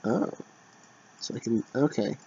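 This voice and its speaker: A man's voice: medium pitch, lively intonation, measured pace, creaky, mellow, husky. A man giving casual commentary as he plays a game, with informal, wry asides. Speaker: gamer. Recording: muffled, dull sound over game music.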